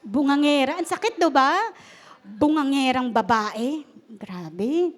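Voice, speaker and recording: High, lively woman preacher. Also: slow. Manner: humorous, animated, questions the congregation. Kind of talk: conversational sermon. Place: church service.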